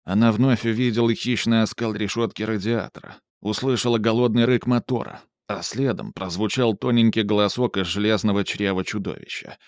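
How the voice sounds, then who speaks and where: A man narrating a novel in even, measured audiobook style. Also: lowish voice, no echo, clean studio sound.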